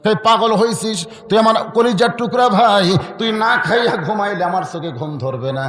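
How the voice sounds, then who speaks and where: A man with a northern Bangladeshi Bengali accent voicing a loud, doting adult woman who fusses over her brother. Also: high-pitched, fairly quick, voice pushed up. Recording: echoey hall with long reverb.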